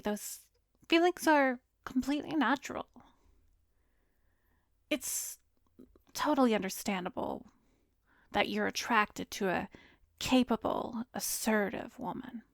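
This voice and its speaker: Addressing the listener in ASMR roleplay, a woman portrays a composed, soothing therapist who is secretly an arrogant vampire. Her fairly high voice is soft, measured, gentle, professional and probing, often slipping into breathy whispers while she soothes and advises. The recording is dry, from a close studio mic.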